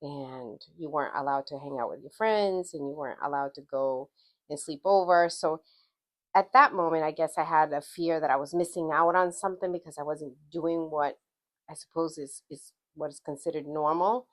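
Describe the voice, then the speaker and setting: Deep-voiced woman from Guatemala. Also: moderate pace. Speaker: interview guest. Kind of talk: casual interview.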